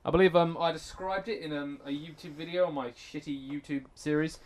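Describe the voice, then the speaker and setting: A man with a moderately high voice chats casually on a group podcast. His delivery is dry and blunt, with plenty of swearing. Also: fairly even intonation, a little fast, darkish tone. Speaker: podcast member. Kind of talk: casual group banter and anecdote.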